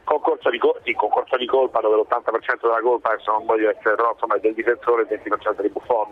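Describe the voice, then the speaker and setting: A man's voice: fairly low pitch, level tone, racing, no room sound. A man analysing football for a radio show over the phone, talking in long, reasoned stretches. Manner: fluent, reasoned analysis, piling up clauses. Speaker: football pundit joining the show remotely. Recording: narrow phone-line sound.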